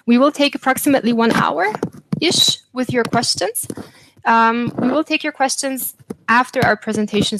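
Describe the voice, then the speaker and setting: A woman's voice: a little high, vocal fry, a bit bright, no echo. A woman hosting a university webinar over a video call, friendly and speaking with frequent fillers. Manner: friendly, filler-heavy delivery. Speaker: webinar host.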